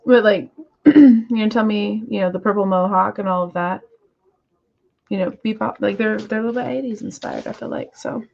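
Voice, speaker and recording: A slightly hoarse woman hosting a comic book reading stream, chatting casually with lots of fillers and trying to slow her naturally fast speech. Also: medium pitch, a little mellow, dull audio. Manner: rambling, filler-heavy, self-deprecating. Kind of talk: casual livestream chat.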